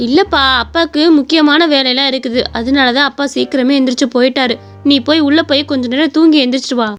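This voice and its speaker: A woman plays a strict but caring village mother in a cartoon story. She scolds firmly and talks fast in a high voice. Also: steady tone, faint music behind, close to an everyday voice. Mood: stern. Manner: scolding, firm.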